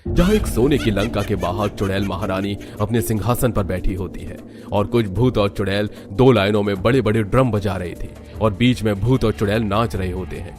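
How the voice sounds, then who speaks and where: A man narrating a cartoon horror story in a low, steady storytelling tone. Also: moderate pace, hardly any pauses, music in the background.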